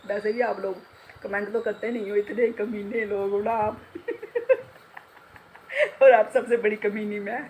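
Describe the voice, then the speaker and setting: A woman's voice: medium pitch, animated, takes it slowly, long pauses, a little mellow, a little hiss or hum, poor audio. Chatty middle-aged woman vlogging at home. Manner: chatty, laughs often, self-mocking. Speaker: vlogger, beauty salon owner. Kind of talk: casual home vlog chat.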